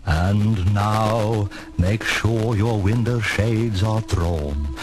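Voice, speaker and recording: A man's voice: fairly low pitch, drawn-out words. A man playing a ghoulish, cheerfully creepy monster-maker host in a mock-genteel, theatrical manner on a 1960s comedy record. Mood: creepy welcome. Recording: noisy old 1960s record.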